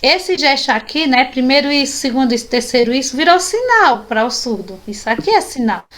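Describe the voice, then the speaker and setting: High-voiced Brazilian woman teaching a class. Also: animated, a little fast, fairly bright tone. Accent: Brazilian Portuguese. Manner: explanatory, frequent checking questions to students. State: tired after a long day. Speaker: sign language teacher. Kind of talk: online class lecture.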